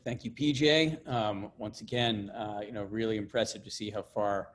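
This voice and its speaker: Guy moderating an online pitch event, slightly low voice, stop-start and informal. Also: steady tone, moderate pace, a little hiss or hum. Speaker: event host.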